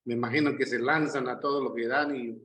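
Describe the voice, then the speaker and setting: A man with a mid-pitched voice, joining a casual discussion as a guest. He hesitates and fills his sentences with small pauses, over a faint background hiss. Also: fairly even intonation, a bit bright, poor audio. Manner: hesitant, many fillers.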